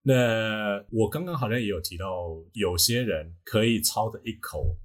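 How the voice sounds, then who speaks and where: A husky-voiced man with a Taiwanese Mandarin accent, pitched on the low side and speaking a little slowly, casually lays out his views as a podcast host and teacher. He often circles back over what he has just said.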